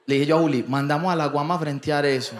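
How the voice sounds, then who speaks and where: A man's voice: fairly high pitch, steady tone, quick pace, roomy sound, very noisy. A man telling anecdotes in a casual chat, laughing often and slipping into voices. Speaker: podcast co-host.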